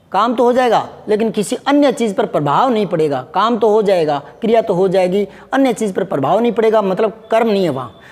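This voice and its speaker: A man's voice: sits high, a little mellow, in a large hall. A man teaching Hindi grammar, patiently repeating examples and asking his students questions. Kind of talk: classroom lesson.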